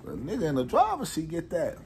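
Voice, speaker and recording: A young man with a Chicago accent telling a personal story, acting out scenes with sudden loud bursts. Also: fairly high pitch, huge pitch swings, fairly quick, vocal fry, a little hiss or hum. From Chicago, USA. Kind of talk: storytime monologue.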